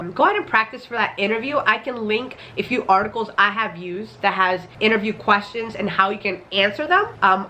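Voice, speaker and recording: A woman's voice: mid-range voice, bright, forceful tone. Slightly congested woman over background noise. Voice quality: slightly muffled, congested from a cold. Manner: casual, step-by-step explaining. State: recovering from a cold. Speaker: software engineering YouTuber. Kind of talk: instructional talk to camera.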